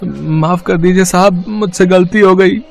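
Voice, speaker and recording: A man's voice: fairly high pitch, steady tone, measured pace, faint music behind, close to an everyday voice. A man voicing a poor, humble father who sells chickpeas, in a meek, pleading and sorrowful manner, in a cartoon story.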